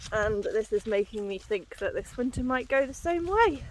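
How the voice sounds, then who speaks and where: Walking across hilly paddocks and boggy ground, this horse-owning vlogger talks casually while panting for breath. Her fairly high voice is animated at a normal speed, though the audio is poor with a slight hiss or hum.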